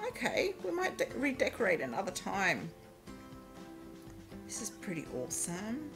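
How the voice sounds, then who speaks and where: A woman hosting a let's play gives casual commentary while reading a mobile game's prompts aloud, music playing behind her. Her mid-range voice swings hugely in pitch, with vocal fry at a normal speed. Originally an Eastern European speaker, she has a mixed, mostly Australian English accent.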